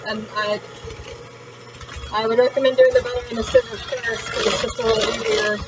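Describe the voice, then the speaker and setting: A woman running a home cooking vlog thinks out loud in her kitchen, chatting informally in a fairly high voice with fairly even intonation and a slightly quick pace. The camera sits on the counter at a distance, so the audio sounds far off and dull, with loud background noise.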